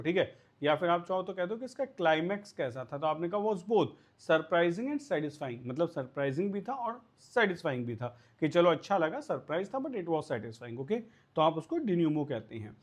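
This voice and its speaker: A man from India teaching vocabulary for exams in Hindi. He repeats each word and asks and answers his own questions. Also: a little high. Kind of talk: exam-prep vocabulary lesson.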